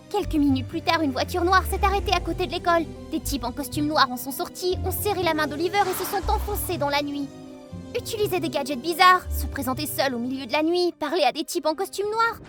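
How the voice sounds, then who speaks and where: A woman narrating an animated diary story in the first person, quirky and excitable. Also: high-pitched, fairly quick. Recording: music behind the voice.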